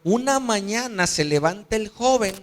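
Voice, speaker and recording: A man's voice: sits high, expressive, normal speed, slight background noise. A man preaching a sermon, conversational and storytelling, checking in with his listeners. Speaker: pastor.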